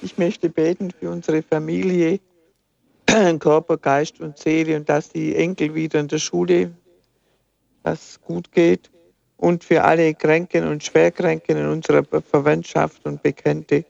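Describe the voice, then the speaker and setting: Older male caller, dull headset audio, higher pitched with a dark tone, halting earnest prayer. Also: flat delivery, creaky, no echo. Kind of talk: reciting a prayer over the phone.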